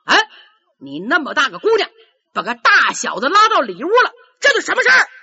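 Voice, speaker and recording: A hot-tempered old father bellows his scolding in a high, loud, bright voice, as a woman storyteller puts him on. The pitch jumps about sharply. It sounds dull and lo-fi. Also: sing-song, a little slow, full character voice. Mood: furious. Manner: shouting scolding.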